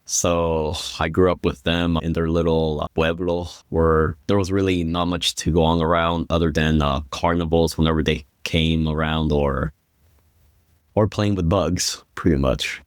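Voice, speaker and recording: A man from Guatemala, a guest telling about his upbringing in a relaxed, rambling way with plenty of fillers. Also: extremely low pitch, unhurried, clear, resonant tone, no room sound, clean studio sound. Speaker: guest storyteller. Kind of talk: casual interview chat.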